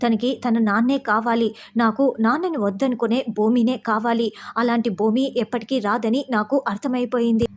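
An angry young man who fires harsh, accusing questions, as a woman reading a TV serial recap puts him on. The voice sits a little high and keeps an everyday storytelling tone. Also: fairly even intonation, moderate pace, lightly acted. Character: angry young man scolding his former love.

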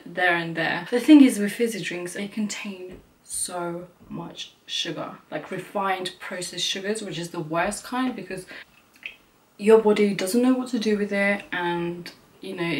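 A woman's voice: mid-range voice, distant mic. A young woman chatting casually to camera as a beauty vlogger, filling her talk with "like" and "you know".

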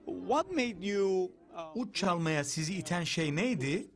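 A young adult man, a native Turkish speaker, interviews guests on location for television in the event rooms of an indoor cultural center, using a handheld microphone. His high-pitched voice is animated and unhurried.

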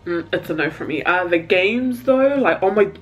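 A woman's voice: lowish voice, animated, moderate pace, muffled recording, soft background music. A woman vlogger chatting casually to camera while eating, talking loosely with many "like"s and frequent laughs. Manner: chatty, laughs often, lots of "like". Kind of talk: casual mukbang chat to camera.

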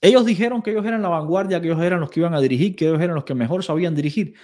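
Male reaction commentator, indignant and sarcastic, slightly high pitch. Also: racing, mellow. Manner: sarcastic, indignant, repeats quoted phrases mockingly. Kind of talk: video commentary.

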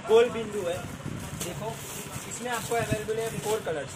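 Heavy background noise surrounds a young adult man's high voice as he vlogs at a moderate pace from a small textile shop. Addressing viewers as "guys," he jokes and chats while casually showing off sarees.

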